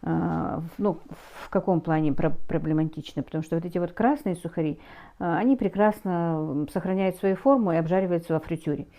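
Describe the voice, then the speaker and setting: A middle-aged woman with a fairly low, very soft-edged mellow voice talks casually as a home cook. She speaks in a halting way, searching for words and rephrasing as she explains. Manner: halting, with hesitant self-corrections. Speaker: home cook taking food orders, vlogger. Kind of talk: casual cooking vlog chat.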